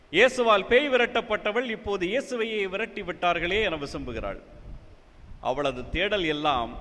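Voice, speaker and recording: A man's voice: a little high, pushed and bright. A man giving a dramatic poetry recitation with emphatic, declamatory bursts in a church hall. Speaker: poet reciting at a poetry event.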